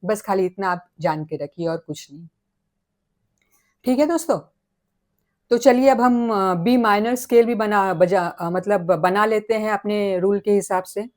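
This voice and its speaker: A woman giving a relaxed spoken piano lesson, patiently counting tones and semitones and singing note names as she plays. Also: mid-range voice. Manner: slow and patient, counting notes aloud. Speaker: piano teacher.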